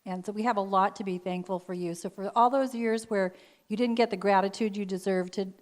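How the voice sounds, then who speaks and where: A woman's voice: mid-range voice, fairly even intonation, a little fast, a little mellow. Woman interviewer, earnest and appreciative. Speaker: interviewer and show host.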